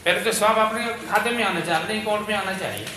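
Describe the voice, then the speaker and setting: Bright-voiced male recitation teacher. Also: high voice, a little hiss or hum. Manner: patient, methodical, models recitation in a chant. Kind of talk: recitation class instruction. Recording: roomy class recording.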